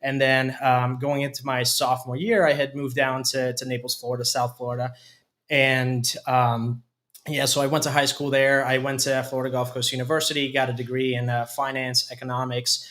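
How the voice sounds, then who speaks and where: A man in his twenties, originally from Hungary, telling his story as a guest in a studio interview with frequent pauses and restarts. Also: mid-range voice, flat delivery, fairly bright tone. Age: 20s. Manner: hesitant, many fillers and restarts. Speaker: company COO, guest. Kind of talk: casual interview talk.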